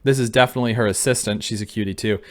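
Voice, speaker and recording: A man's voice: fairly low pitch, steady tone, very fast. Man musing aloud in casual commentary. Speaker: video reactor. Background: faint music.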